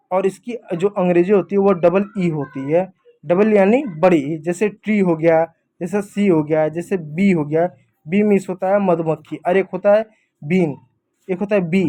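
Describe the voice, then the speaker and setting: A man's voice: high-pitched, fairly even intonation, normal speed, mellow. A man teaching a simple lesson in a casual classroom manner, explaining step by step and checking in with "thik hai" often.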